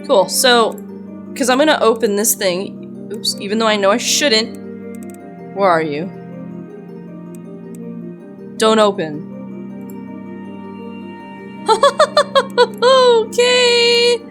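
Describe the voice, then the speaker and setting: A woman playing a text adventure, reading the game's story aloud and reacting excitedly with laughs and yelps at the scares. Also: medium pitch, slow pace, long pauses, over music. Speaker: game streamer. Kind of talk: let's-play commentary and reading game text.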